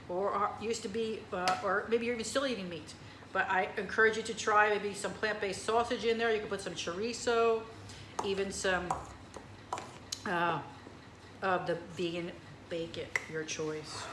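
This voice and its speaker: A woman's voice: medium pitch, roomy sound, noisy background. A woman hosting a cooking demonstration in a kitchen, talking in a chatty, enthusiastic way with lots of fillers. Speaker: cooking show host.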